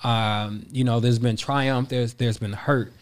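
A man's voice: mid-range voice, fairly even intonation, slow. A man in his forties, a podcast guest giving emphatic motivational talk, repeating his phrases and addressing listeners as y'all. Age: 40s.

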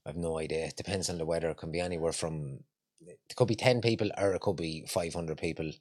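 A man's voice: sits low, fast talker, darkish tone. A man from Longford in Ireland with an Irish accent that has some Dublin in it, chatting casually in colloquial Irish phrases as a yoga instructor being interviewed. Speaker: yoga instructor, podcast guest. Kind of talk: casual chat.

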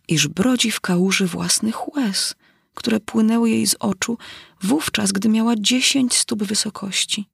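Gravelly-voiced woman reading a storybook. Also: medium pitch, dry recording, studio quality. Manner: measured, old-fashioned storytelling. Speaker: audiobook narrator.

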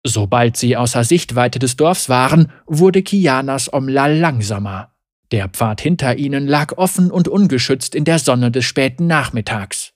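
A woman narrating a fantasy audiobook in expressive storytelling style. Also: a bass voice, unhurried, dry recording, studio quality.

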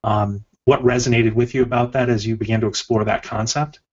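A man's voice: medium pitch, steady tone, a little fast, a little mellow. A man hosting a podcast, asking a long, rambling question with many fillers and hesitations. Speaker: podcast host. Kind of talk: interview question. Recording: slightly dull podcast audio.

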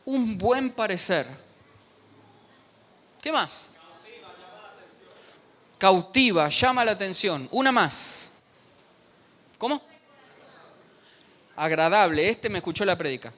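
A man's voice: sits high, slow pace, long pauses. A man preaching a sermon in a church, joking and speaking straight to the congregation. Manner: animated, joking preacher addressing the congregation directly.

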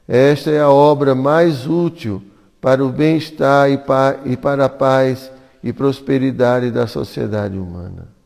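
A man speaking Brazilian Portuguese reads scripture commentary at a devotional class held in an ecovillage's community hall, breaking into singsong chanting of Sanskrit verses. He has a medium-pitched, gravelly, slightly mellow voice, a measured pace and a big-room sound.

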